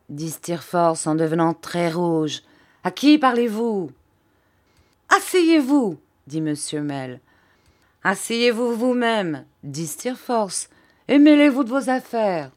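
A woman reads a classic novel aloud at a very slow, even pace. Her voice sits low and her narration stays measured and unhurried. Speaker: audiobook reader.

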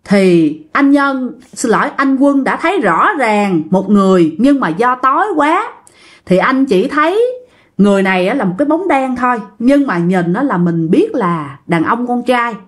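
A woman's voice: fairly high pitch, animated, normal speed. A woman with a Southern Vietnamese Mekong Delta accent telling a ghost story in a chatty way, addressing her listeners directly.

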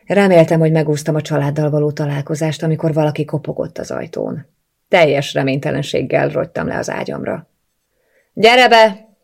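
A woman narrating a first-person novel as an audiobook, in a measured, subdued manner. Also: deep voice, lively intonation, creaky, darkish tone.

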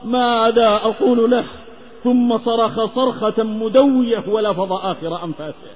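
A man's voice: very high-pitched, fairly even intonation, moderate pace, crowd noise. A man from the Hijaz preaching a sermon in an impassioned, half-chanted delivery. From Hijaz, Saudi Arabia. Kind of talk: Islamic sermon with a moral tale. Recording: lecture recording with long reverb, slightly dull.

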